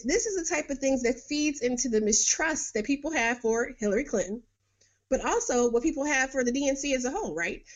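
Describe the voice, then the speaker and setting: Woman, middle-aged, podcast host, blunt sarcastic commentary, lively swooping voice. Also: high-pitched. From New York. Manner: animated, laughing, blunt and sarcastic. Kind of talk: casual political commentary monologue.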